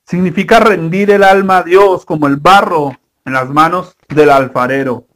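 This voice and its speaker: A man preaching a sermon as a guest pastor, earnest and slow with emphatic pauses. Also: fairly high pitch, fairly bright tone.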